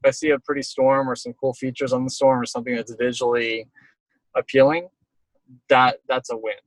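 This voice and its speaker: A man's voice: medium pitch, little pitch movement, a little fast, no room sound, low-quality recording. A middle-aged man speaking as an interviewed storm chaser, casual and reflective, talking in rambling stop-start phrases.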